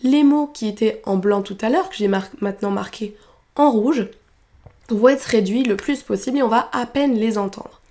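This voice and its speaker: French woman, native speaker, pronunciation teacher; fairly high voice, clear explainer who models phrases slowly. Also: warm tone. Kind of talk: French-language pronunciation lesson.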